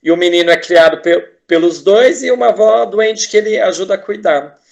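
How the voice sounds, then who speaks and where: A man's voice: high voice, brisk, creaky. A Brazilian man, a teacher and artist, talking as a guest in a casual interview, enthusiastic and rambling with frequent restarts and tag questions.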